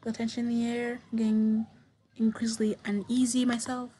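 A young woman streaming a game, reading its dialogue aloud and commenting, stammering and repeating words, with sudden excited bursts. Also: fairly high pitch, moderate pace. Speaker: gameplay streamer. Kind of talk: reading visual novel text aloud with commentary.

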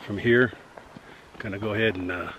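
A man in his forties narrating a casual hiking vlog to a camera held at arm's length on a mountain trail, relaxed and wry. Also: lowish voice, moderate pace, background noise. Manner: relaxed, wry, talking to the camera while walking. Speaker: hiking vlogger.

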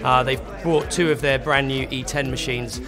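A man's voice: medium pitch, steady tone, moderate pace, crowd noise. Upbeat man introducing a training course. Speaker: course organiser, co-founder. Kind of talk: promotional interview. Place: indoor event venue. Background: music bed.

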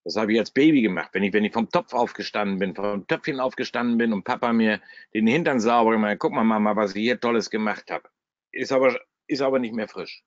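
This fast-talking man with a lowish voice and a German regional dialect hosts a live trading webinar, bantering bluntly with salty humor as he steps through his shared screen at the computer. There's no echo; the webinar sound is dry and slightly dull.

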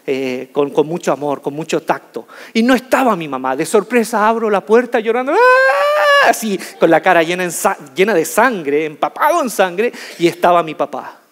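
A man with a notably high voice tells a funny personal story from a stage. He is animated and jokey and leans on key words for effect. His voice rings out with the long reverb of a large hall. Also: moderate pace, few pauses. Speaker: motivational speaker. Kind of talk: humorous storytelling talk to an audience.

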